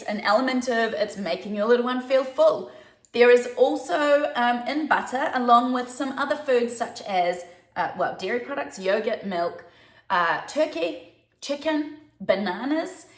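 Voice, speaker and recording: A woman's voice: a little high, fairly bright tone. A woman with a New Zealand accent, a baby sleep consultant giving casual, chatty advice straight to her viewers. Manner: chatty and conversational, with light laughs. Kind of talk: casual advice talk to camera. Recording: roomy echo.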